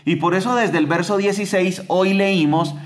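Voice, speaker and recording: A man with a slightly high voice gives a lively Bible teaching on a podcast. He moves his pitch up and down a lot and keeps asking listeners rhetorical questions as he explains. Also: moderate pace. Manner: animated, acts out quoted voices with big pitch jumps.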